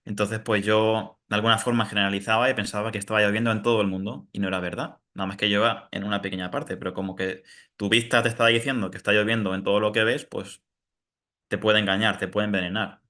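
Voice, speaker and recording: Guy giving a webinar, low voice, pretty monotone, casual explainer vibe. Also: fast talker. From Spain, south of Madrid. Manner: conversational, explains with everyday analogies, asks ¿no?. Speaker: webinar presenter. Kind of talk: informal technical lecture.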